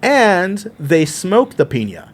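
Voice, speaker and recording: Podcast host, male, slightly high-pitched, casual and joking, explains in quick bursts. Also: huge pitch swings. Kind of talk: casual whiskey review chat.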